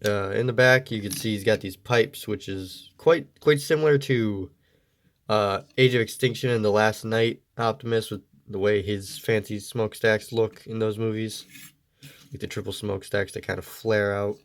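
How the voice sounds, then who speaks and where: A man with a slightly low voice that sounds stuffy and congested, as if his nose is blocked. He talks through a toy review in an easygoing, rambling way. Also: fairly even intonation, normal speed. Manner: easygoing, meandering explanations.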